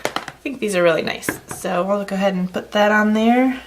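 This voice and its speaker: A woman's voice: medium pitch, moderate pace, background noise. A woman giving a casual, chatty card-making tutorial with plenty of fillers, a slight frog in her throat. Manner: chatty, relaxed, many fillers. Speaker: stamping craft demonstrator.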